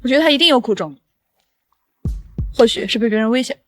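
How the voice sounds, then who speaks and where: Sharp, principled female lawyer, quick and high, firm delivery, played by an actress. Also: lively intonation, soft background music, lightly acted. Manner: firm, earnest. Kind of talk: short drama acting.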